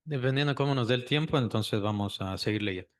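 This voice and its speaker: A man's voice: medium pitch, fairly quick. Guy teaching sunday school, keeps asking the class stuff and repeating himself. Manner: asks the class questions, repeats key phrases. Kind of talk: Bible study lesson.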